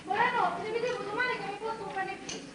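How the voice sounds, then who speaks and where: Very high Sicilian village woman actress, echoey. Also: fairly even intonation, fast talker. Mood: reassuring. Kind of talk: stage comedy acting in Sicilian dialect. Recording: echoey hall, far mic, noisy audience.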